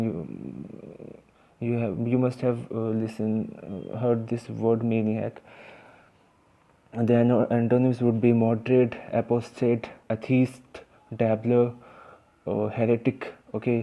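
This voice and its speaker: A man with an Indian accent gives an informal English vocabulary lesson in a casual, hesitant manner, full of fillers and restarts. His voice is mid-range, and the high frequencies are cut off.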